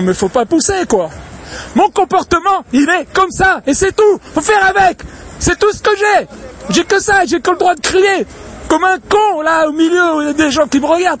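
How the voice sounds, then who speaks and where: Furious high-voiced man ranting outdoors. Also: slight background noise. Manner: furious, ranting, repeats phrases, swears. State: hoarse from shouting. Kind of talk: angry outdoor rant to camera. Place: outdoors in a public place.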